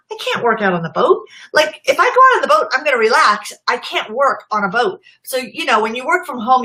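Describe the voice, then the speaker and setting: A middle-aged American woman, a social media marketing host, chats casually on a live stream, laughing often and greeting viewers by name. Her voice is medium-pitched, bright, and forceful, though the recording is rough.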